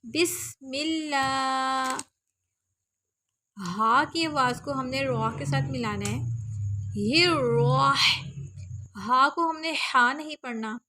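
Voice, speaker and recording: A woman teaches Quran recitation. Her voice sits high, and she explains each sound patiently, spelling out letters and vowel marks one at a time. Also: few pauses, sharp tone. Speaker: online Quran tajweed teacher. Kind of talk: recitation lesson with slow demonstrations.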